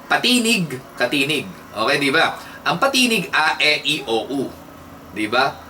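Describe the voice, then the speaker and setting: Filipino guy dj doing radio trivia, bright voice, bouncy pitch, playful, mic a bit far off with faint hiss. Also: unhurried. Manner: playful, animated, mixes English into Tagalog. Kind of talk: casual radio trivia segment.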